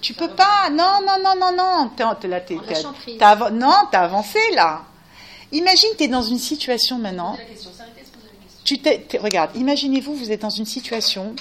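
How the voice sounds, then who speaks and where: A woman giving a spirited religious talk, speaking straight to her listeners and rising at times to loud cries. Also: on the high side, fast. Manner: animated, talks to listeners directly, rising to cries. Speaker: Torah teacher.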